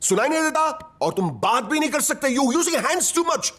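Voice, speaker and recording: A man's voice: very high voice, expressive, moderate pace, fairly bright tone. An actor playing a hard-of-hearing, flustered male ear doctor who mishears words and repeats himself, in a film comedy.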